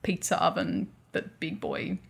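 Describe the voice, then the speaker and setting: Gravelly-voiced Australian woman, chatty podcast co-host. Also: on the low side, fairly even intonation, unhurried. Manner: chatty, rambling, laughs often. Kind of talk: casual explanatory chat.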